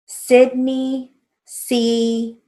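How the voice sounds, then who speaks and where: Slow, dictating woman teacher. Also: high-pitched, level tone, mellow, low-quality recording. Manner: dictating, spelling out letters and punctuation deliberately. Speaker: stenography theory teacher. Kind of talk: instructional lesson with slow dictation. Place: indoors, small room with a plain wall.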